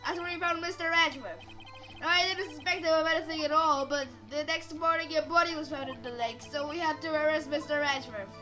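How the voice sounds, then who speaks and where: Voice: sits high, fairly even intonation, brisk, bright, forceful tone, poor audio. A player voicing a nervous, clumsy male police detective giving a plodding report.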